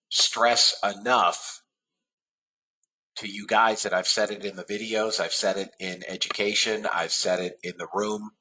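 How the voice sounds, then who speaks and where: The recording quality is low as this trading room host, a man with a low, sharp voice, runs a live webinar. He's nasal from a head cold and wanders through his points, with frequent "uh" fillers and restarts.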